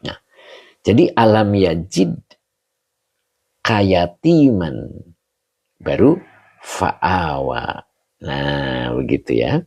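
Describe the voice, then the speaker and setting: A male religious teacher, teaching Arabic grammar on a live stream and greeting viewers' comments, with a slow, explaining manner. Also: sits low, very animated, gravelly, darkish tone, muffled recording. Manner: explains slowly, with rising checks like "begitu ya". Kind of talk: livestreamed Arabic grammar lesson.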